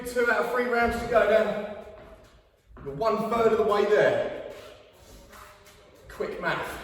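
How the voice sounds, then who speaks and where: A man coaching a home workout, calling out energetic encouragement and counts with casual, jokey chat. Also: extremely high pitch. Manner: upbeat, encouraging, energetic call-outs while exercising; jokey, chatty. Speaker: fitness coach leading a home HIIT workout. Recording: very echoey room, distant mic, faint music.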